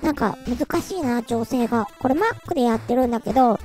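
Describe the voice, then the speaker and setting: A man's voice: extremely high pitch, fairly quick, darkish tone, faint music behind, voice pushed up. A man using a voice changer to play a playful, girly female VTuber persona, with a synthetic, processed sound. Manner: playful, goofy outbursts.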